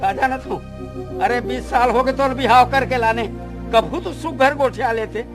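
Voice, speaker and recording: A man's voice: very high voice, normal speed. A man with a Chhattisgarhi accent acting a grumbling, argumentative husband in a comedy sketch. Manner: grumbling, argumentative, sometimes shouting. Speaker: comic actor playing a quarrelling husband. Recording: loud background music.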